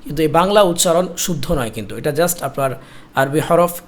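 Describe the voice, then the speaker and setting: A Quran teacher giving an Arabic alphabet lesson. The teacher pronounces each letter slowly and repeats it, patiently explains where the tongue and teeth go, and asks listeners to repeat. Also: medium pitch, lively intonation.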